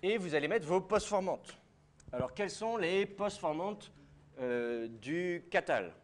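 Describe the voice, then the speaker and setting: A man's voice: sits high, animated, a little slow. A man teaching a class, explaining step by step and putting questions to his students. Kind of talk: classroom lecture.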